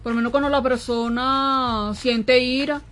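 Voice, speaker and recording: A woman with a Venezuelan accent co-hosting a radio chat, halting and searching for her words. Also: high-pitched, steady tone, fairly bright tone. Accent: Venezuelan Spanish. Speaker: radio co-host. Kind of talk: casual studio chat.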